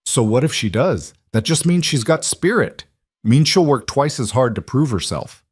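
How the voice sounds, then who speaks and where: A man voicing a wiry frontier auctioneer who crows his pitch in a sharp, greasy voice, pushed high above his own. The loud, oily patter of a storybook villain comes over a dry, close recording. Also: big pitch swings, normal speed, breathy edge, no echo. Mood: crowing sales pitch. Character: wiry greasy male frontier slave trader, crowing. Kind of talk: storybook narration.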